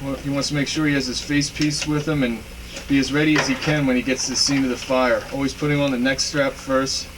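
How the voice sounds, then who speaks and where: A man's voice: mid-range voice, little pitch movement, a little fast. A man working as a fire company instructor, talking through a hands-on demonstration step by step in a plain, explanatory manner. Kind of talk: spoken step-by-step training demonstration. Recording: echoey, reverberant, distant mic, noisy background.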